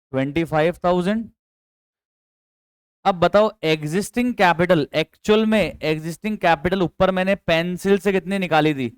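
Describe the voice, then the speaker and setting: Young male teacher with a high, smooth voice. Chatty coaching tone that keeps drilling students with questions, recorded close and dry. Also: no room sound. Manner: chatty, coaxing, quizzes students with repeated questions; mixes English terms into speech. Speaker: accountancy teacher. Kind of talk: classroom lecture.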